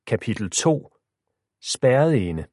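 A male audiobook narrator with a middle pitch and a lively, animated delivery. His storytelling is expressive, recorded dry and close. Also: dry recording.

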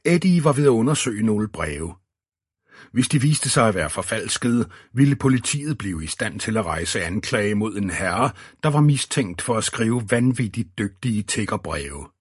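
A man reading an audiobook in a steady, even scripted narration. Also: on the low side, husky, dry recording, studio quality.

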